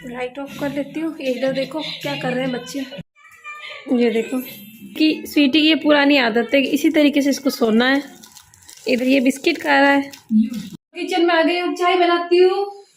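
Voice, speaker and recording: High-voiced chatty mother vlogging at home. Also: moderate pace, soft background music. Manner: chatty, scolds children gently. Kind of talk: casual home vlog chat. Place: home indoors.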